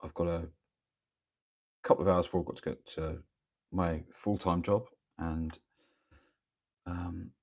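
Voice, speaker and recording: A cold has left this man's very low voice gravelly, croaky and husky as he live-streams his miniature painting from home in the early morning, speaking into a nearby mic. His casual chat to viewers rambles, full of hesitations, pauses and restarts, with little pitch movement and a slightly mellow quality.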